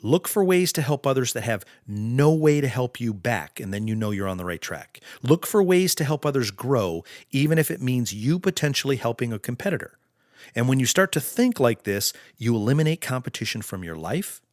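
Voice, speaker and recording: Earnest podcast guy preaching about helping others, slow deliberate phrasing, dry close sound. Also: medium pitch, very animated, darkish tone, dry recording. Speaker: podcast host. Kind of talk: motivational podcast monologue.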